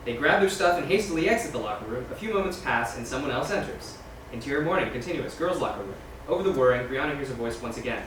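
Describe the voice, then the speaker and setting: Reading scene directions as scripted narration during a screenplay table read, a man speaks fast and expressively in a medium-pitched, somewhat bright voice. He's positioned far from the mic in a large, echoey room. The recording sounds noisy and reverberant from afar.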